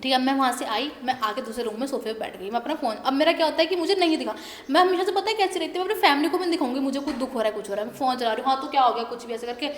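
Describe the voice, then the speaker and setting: A young woman telling a personal story as a guest in a casual interview, animated and laughing as she goes. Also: sits high, rapid-fire. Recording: echoey room with faint background noise.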